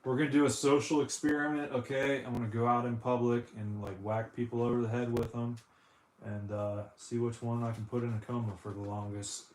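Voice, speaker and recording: A man's voice: medium pitch, flat delivery, a little fast, slight background noise. Joking man in an echoey room. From United States. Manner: rambling, jokey, says "dude" a lot. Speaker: retro console streamer. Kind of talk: casual live-stream chat.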